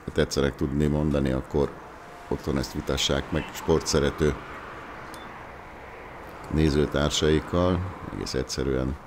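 Casting: bass-voiced male local football commentator, unhurried and reflective. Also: steady tone, background noise.

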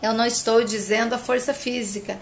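An earnest male doctor gently walking a patient through hard news, read by a woman in a soap recap, with a gravelly rasp in the voice. a faint hiss sits behind it. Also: fairly high pitch, fairly even intonation, a little fast, lightly acted. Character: calm middle-aged male doctor, earnest.

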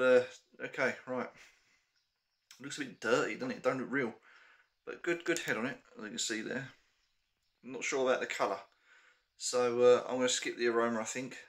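A man's voice: medium pitch, a bit bright. Chatty man reviewing a beer. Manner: chatty, hesitant with frequent ums. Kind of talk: casual beer review to camera. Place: small room indoors.

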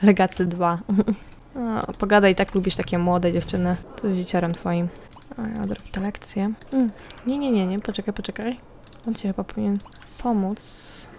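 A woman talks through her game in a relaxed, chatty way. She often turns to the viewers and bosses her characters around. Her voice sits in a middle pitch, with a faint hiss of background noise under it. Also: normal speed, vocal fry. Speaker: gameplay commentator. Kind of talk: casual let's-play commentary.

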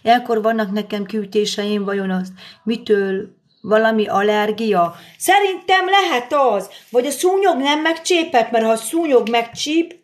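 A middle-aged woman with a slightly high-pitched voice keeps up a chatty running talk into her phone. She thanks viewers and answers their comments while she cooks in a home kitchen. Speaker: livestream host. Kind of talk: casual live-stream chat while cooking. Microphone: phone camera.

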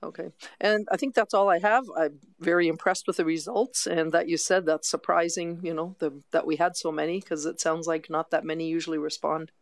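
A man with a fairly high voice speaks casually as a councillor at a city meeting. He sounds relaxed and conversational. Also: brisk, gravelly, hardly any pauses.

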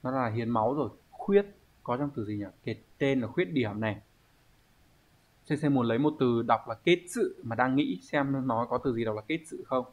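A man teaching an online language lesson, explaining step by step at an unhurried pace and thinking aloud with pauses. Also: medium pitch, animated, muffled recording. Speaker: Japanese teacher.

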